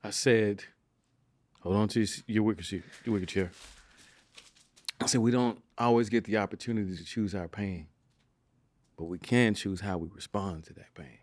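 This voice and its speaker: Earnest low-voiced podcast host, man. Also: normal speed, pauses often, darkish tone, dry recording. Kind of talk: reflective interview chat.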